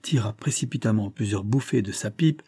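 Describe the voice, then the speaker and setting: Husky, dark-voiced male storyteller. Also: fairly low pitch, fairly quick. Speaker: audiobook narrator. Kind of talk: scripted storybook narration.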